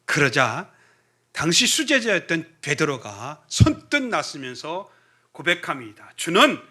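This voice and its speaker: A middle-aged male pastor preaching a sermon, telling the story with lively acted-out dialogue. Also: high voice, moderate pace. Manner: animated storytelling, acting out quoted voices. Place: church sanctuary.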